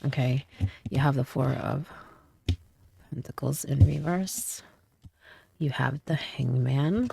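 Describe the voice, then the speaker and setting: With a very deep, creaky, mellow and slightly rough voice, a woman reads tarot casually, speaking slowly and pausing often, with no echo present. She sounds a little stuffy from a cold, and her chatty style is punctuated by "okay?" and "right?".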